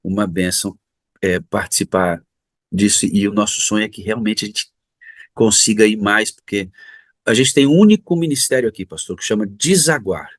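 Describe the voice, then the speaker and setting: A man's voice: on the low side, normal speed, no room sound. Effusive middle-aged Brazilian man interviewing. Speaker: church interviewer. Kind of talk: church interview conversation.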